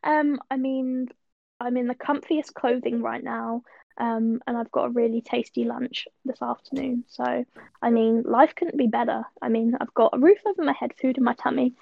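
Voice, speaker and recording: A cheerful woman guest chats on a podcast about her small business, her voice a little high with some gravelly fry. She talks in an upbeat, rambling way and laughs often. The recording is dry and close. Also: fairly even intonation, moderate pace, dry recording, dull audio. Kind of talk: casual interview chat.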